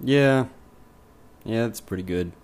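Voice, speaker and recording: A man hosting a comic mock interview, deadpan and sarcastic with casual slang. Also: fairly low pitch, takes it slowly, smooth. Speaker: interviewer and host.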